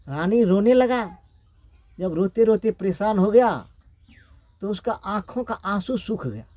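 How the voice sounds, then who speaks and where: A male storyteller, spinning a folk tale in a rustic, repetitive way. His voice is high and his pace slow. The recording is close and dry. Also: warm tone, no echo.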